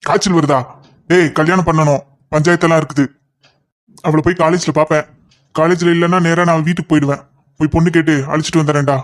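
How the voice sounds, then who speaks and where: A man voicing an impatient young lover in a cartoon, talking fast and insistently. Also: on the high side, little pitch movement, close to an everyday voice. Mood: eager. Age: young adult. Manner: rapid, insistent scolding. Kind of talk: cartoon voice acting.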